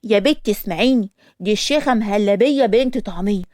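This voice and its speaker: A woman voicing a plump, dreamy young Egyptian woman in an animated storybook, whiny and scheming. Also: mid-range voice, fast, dry recording, clean studio sound, close to an everyday voice.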